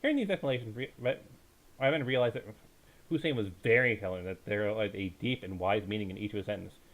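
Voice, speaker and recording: A man with a somewhat low voice, captured on a rough recording, gives a dramatic reading of a bedtime story. His delivery is halting, with occasional stumbles and self-corrections.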